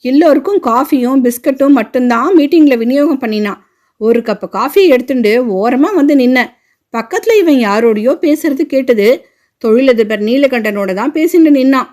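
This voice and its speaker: A proud, hot-tempered father rants in a storybook reading, as a woman narrator puts him on. His voice sits fairly high for a man, since the reader keeps her own register. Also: animated, moderate pace, darkish tone. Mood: indignant. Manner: indignant, ranting.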